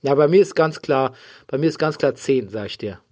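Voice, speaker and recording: A man hosting a casual podcast recap, joking and rambling with drawn-out hesitations. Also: mid-range voice, animated, a little mellow. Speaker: podcast host. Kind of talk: casual chat recapping a TV series.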